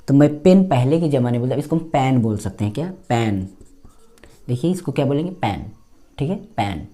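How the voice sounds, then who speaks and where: A man's voice: mid-range voice, mellow. A man teaching English pronunciation in a chatty lesson, repeating words as drills. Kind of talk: casual classroom lesson.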